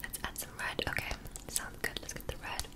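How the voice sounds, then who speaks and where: Female, 20s, ASMR whispered role-play. Fully whispered, close-miked, softly coaxing, with tingly wet mouth sounds. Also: fairly quick. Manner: softly coaxing, talking directly to the listener. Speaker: ASMR creator. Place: small indoor room.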